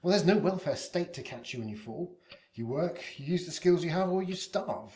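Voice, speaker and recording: A woman's voice: low-pitched, animated, moderate pace, a little mellow, reverberant. A woman playing an assured, wry time traveller with a dry, confident manner in an audio drama. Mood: dry, matter-of-fact.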